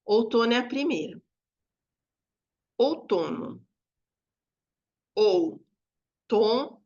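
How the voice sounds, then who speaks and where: A woman teaches a lesson to fellow educators, walking through each step patiently and stretching certain words out slowly to show them. Her voice sits at a middle pitch, and the recording sounds a little dull and lo-fi. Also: a bit bright. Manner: explains step by step, drawing out words.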